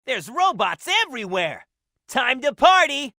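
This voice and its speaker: A man playing a cocky, upbeat young hedgehog hero in a video game, brash and energetic. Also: very high voice, measured pace, no room sound, clean studio sound, exaggerated voice. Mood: cocky, excited. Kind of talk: video game in-action voice lines.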